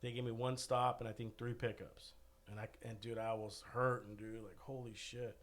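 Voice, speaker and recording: A man's voice: medium pitch, flat delivery, normal speed. A man chatting casually on a podcast, telling a long, rambling story and saying "dude" a lot, while still recovering from an illness. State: recovering from covid, still short of breath. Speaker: guest.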